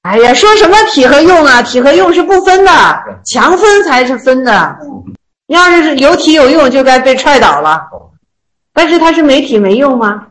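A woman teaching Zen koans to a small group. She reads the classical lines slowly, then retells them in a chatty, joking way. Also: high-pitched, expressive, fairly bright tone, low-quality recording. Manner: slow, measured reading of classical text, then chatty colloquial retelling; laughs and jokes with listeners.

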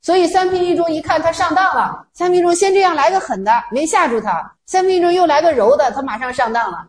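A woman's voice: very high-pitched, expressive, fast. A woman Buddhist teacher giving a dharma talk, telling stories and acting out quoted lines. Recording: roomy echo.

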